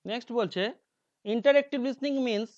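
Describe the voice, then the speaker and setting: During an exam-prep lesson, a Bengali-accented man slowly reads English answer options aloud and often trails off into low asides. His tone is darkish, and the dull, dry lo-fi recording carries a little hiss or hum.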